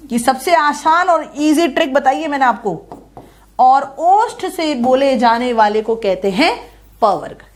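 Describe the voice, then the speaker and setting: A young woman teaching an online class in a high, clear voice. She says each sound slowly, one at a time, and keeps asking her students whether it makes sense. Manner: explains patiently, checks understanding with repeated questions. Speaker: online tutor. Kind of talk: classroom grammar lesson.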